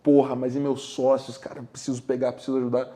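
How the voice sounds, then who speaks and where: A man's voice: mid-range voice, little pitch movement, quick pace, dark tone. A man hosting a podcast, telling a reflective story in an informal, conversational way. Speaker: podcast host. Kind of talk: casual podcast interview.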